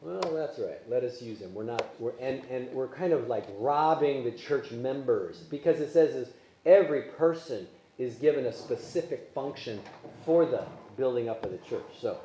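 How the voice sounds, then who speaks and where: Teaching a Sunday school Bible class in an echoey church classroom, a man with Polish as his first language talks conversationally and asks his class questions. His medium-pitched voice is warm and expressive at a moderate pace, with a little hiss or hum in the recording.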